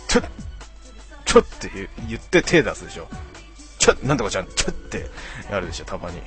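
A slightly tipsy man in his twenties rambles through viewer comments on his live stream, teasing himself in rough, slangy talk. His voice sits low. Soft music plays faintly behind him. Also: sing-song, moderate pace, long pauses. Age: 20s. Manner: rambling, rough slangy self-mocking banter.

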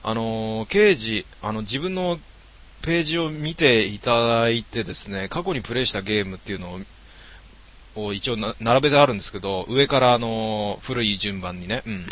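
A man streaming from home, chatting casually with lots of relaxed fillers. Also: fairly low pitch, moderate pace. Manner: relaxed, rambling talk with many fillers. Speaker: game streamer. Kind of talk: casual chat. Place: his home.

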